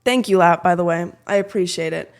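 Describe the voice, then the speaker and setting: Talking fairly quickly in a lowish voice, a young Texas-based streamer makes casual live-stream chat. She pokes fun at herself while fiddling with her mic setup.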